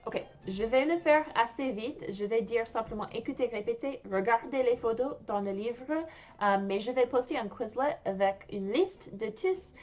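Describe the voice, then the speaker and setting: A woman's voice: on the high side, animated, darkish tone. A woman teaching a French lesson online, explaining vocabulary in a playful way and sometimes singing for her students. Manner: slow, playful, explains words and sings for students.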